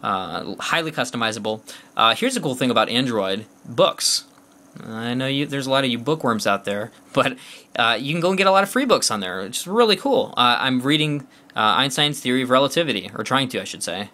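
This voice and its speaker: A phone reviewer gives a loose, chatty demo of a phone's features, talking as he taps and filling it with uh's and restarted sentences. His voice is bright and forward, mid-range and animated, and he speaks a little fast.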